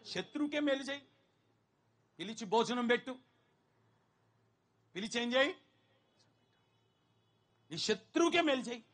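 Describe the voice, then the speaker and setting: A man's voice: very high voice, expressive, a little slow, pauses often, a bit bright. A man preaching in church, calling on the congregation to answer back and acting out Bible stories in little voices. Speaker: pastor. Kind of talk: sermon. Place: church hall.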